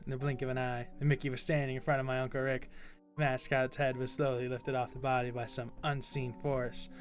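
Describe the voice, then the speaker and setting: A man reads a horror story aloud on stream, his pitch sitting mid-range. His delivery is expressive, and faint music plays softly behind him. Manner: expressive reading, quiet muttering asides while gaming.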